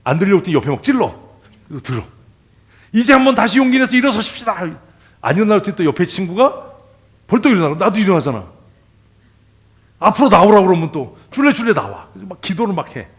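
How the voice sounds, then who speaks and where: A male pastor preaching a sermon in a church, talking casually and bluntly, peppering the congregation with questions and swinging between loud emphasis and quiet asides. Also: sits high, very animated, fast. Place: church sanctuary.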